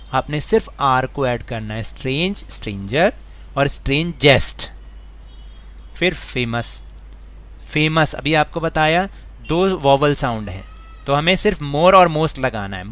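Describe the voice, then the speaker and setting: A man's voice: on the high side, fairly bright tone. A man teaching an English grammar worksheet in Hindi, patiently repeating rules, spelling words letter by letter and asking the class questions. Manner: mixes Hindi with slowly read English sentences; asks the class rhetorical questions.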